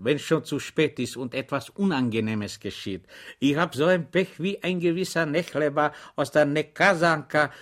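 A man's voice: on the high side, a bit bright. A man doing a rambling, amiable soldier. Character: chatty good-natured male soldier orderly, endlessly rambling.

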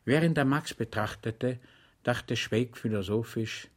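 A man narrating an audiobook in a measured storytelling manner. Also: mid-range voice. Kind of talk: audiobook reading.

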